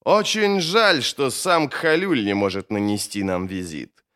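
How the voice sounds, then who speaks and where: A man's voice: mid-range voice, a little slow, a bit bright, clear, resonant tone, close to an everyday voice. A man reading an audiobook, voicing a ruthless, scornful old wizard with emphatic, raised delivery.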